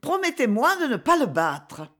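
A woman playing a gentle, resolute young lady. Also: high-pitched, wildly swooping pitch, moderate pace, pitched above the performer's own voice, full character voice. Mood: kind firm. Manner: soft, reassuring, resolute. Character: gentle young noblewoman, kind but firm.

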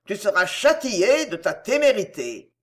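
A woman's voice: mid-range voice, sing-song, a little slow. A woman voicing an eager young man who declaims a wolf's lines in a storybook scene. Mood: declaiming. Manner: theatrical, declaiming. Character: eager young man playing a raging wolf.

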